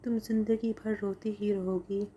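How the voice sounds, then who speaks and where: A woman's voice: mid-range voice, little pitch movement, warm tone, slight background noise, close to an everyday voice. A woman voicing a cold, gloating young villain. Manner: cold, taunting, boastful. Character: cruel arrogant young man, vengeful kidnapper.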